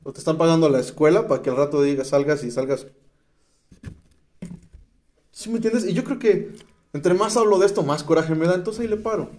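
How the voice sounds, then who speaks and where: A man with a Mexican accent preaches a testimony sermon, slangy and emphatic as he reads scripture and explains it. His voice sits high yet sounds mellow and warm, never sharp. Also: animated, brisk, long pauses. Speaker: speaker at a rehab center.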